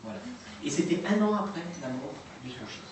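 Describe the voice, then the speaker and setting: A man lectures to an audience, his voice sitting a little high as he stops and restarts between fillers. The echoey hall is picked up from a distance, with a clear hum of ambience underneath. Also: big pitch swings. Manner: halting, many fillers and restarts. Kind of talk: public talk playing recordings. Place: lecture room. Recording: echoey hall recorded from far off.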